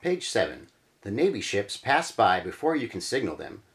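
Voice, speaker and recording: A man hosting a read-through, reading a gamebook aloud with lively, dramatic emphasis and adding casual comments. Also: lowish voice, normal speed. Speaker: channel host reading a gamebook.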